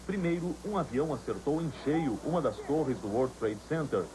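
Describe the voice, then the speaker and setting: A man's voice: fairly high pitch, animated, normal speed. A man narrating a scripted news report. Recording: very loud ambient noise behind voice.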